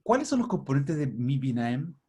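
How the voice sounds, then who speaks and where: A man's voice: mid-range voice, sing-song, normal speed, warm tone, slightly rough. A man teaching a linguistics class over a video call, explaining patiently and often restarting his words. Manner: explanatory, restarts and repeats words while thinking.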